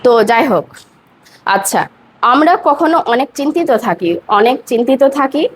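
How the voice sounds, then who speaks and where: High-voiced woman teaching English patiently. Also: animated, slight background noise. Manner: patient, repeats phrases slowly and checks understanding. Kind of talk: spoken English lesson in Bengali.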